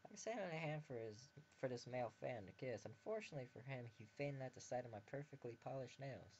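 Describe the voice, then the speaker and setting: Reading narration and dialogue from a visual novel in a mostly plain voice, this game video host breaks in with jokes between passages. His mid-range voice is expressive and a little mellow, and he talks at a quick pace. It's a dull lo-fi home recording with slight background noise.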